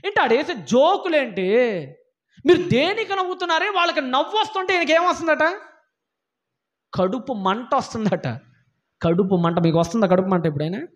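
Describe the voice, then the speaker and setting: High-voiced preacher, scolding. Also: male voice. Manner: scolding, rhetorical, repeats questions to the congregation. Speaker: pastor. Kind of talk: sermon.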